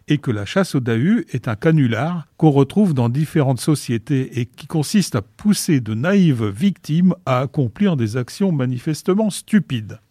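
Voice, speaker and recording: Deadpan man narrating like a nature documentary. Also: a little high, dry recording, clean studio sound. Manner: deadpan, mock-scholarly. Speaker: radio presenter of a local-culture segment.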